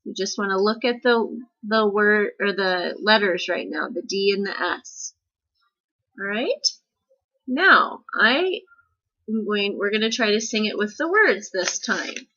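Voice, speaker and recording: Slow, bright-voiced woman teaching music. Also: medium pitch, lively intonation, highs cut off. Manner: patient, step-by-step explaining with frequent "okay?" checks. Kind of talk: recorded music lesson.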